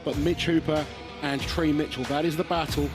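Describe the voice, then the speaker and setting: A man's voice: fairly high pitch, steady tone, moderate pace, over music. A man giving enthusiastic color commentary on a live strength competition. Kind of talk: live sports analysis.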